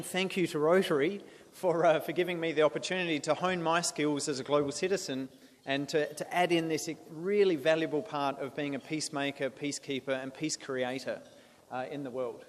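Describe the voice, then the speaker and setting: Australian male speaker, earnest and halting, slightly raised pitch, recorded in a reverberant hall. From South Australia. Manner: earnest, with frequent restarts and fillers. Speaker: guest speaker. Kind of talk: presentation to a club. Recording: echoey hall with faint noise.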